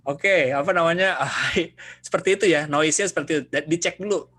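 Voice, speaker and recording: A man's voice: a little high, brisk, a bit bright, slight background noise. A man lecturing students over a video call in a casual, joking, chatty way. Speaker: university lecturer. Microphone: video call computer mic.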